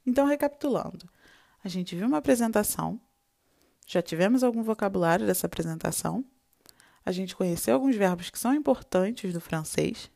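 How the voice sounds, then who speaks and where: A woman's voice: mid-range voice, expressive, a little fast, vocal fry, dark tone. A Brazilian woman with a Brazilian Portuguese accent, teaching a French lesson, explaining patiently, recapping and modeling short dialogue lines. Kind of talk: online language lesson.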